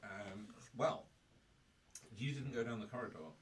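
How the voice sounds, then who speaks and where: A man's voice: lowish voice, a little slow. A man running a tabletop game, patiently explaining rulings and laughing easily. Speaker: game master. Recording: distant mic with faint noise.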